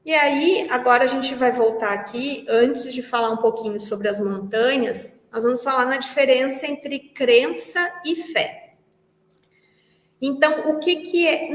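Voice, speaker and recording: Brazilian woman lecturing in an echoing hall. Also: high voice. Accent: Brazilian Portuguese. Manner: explanatory, repeats phrases while thinking. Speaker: Spiritist study speaker. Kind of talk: religious study lecture. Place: large meeting hall. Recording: echoey hall with long reverb.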